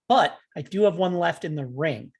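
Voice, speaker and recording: A man's voice: a little high, animated, moderate pace, a little hiss or hum. A man playing in a tabletop game, rambling and correcting himself as he explains his moves. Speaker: player. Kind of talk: casual tabletop play.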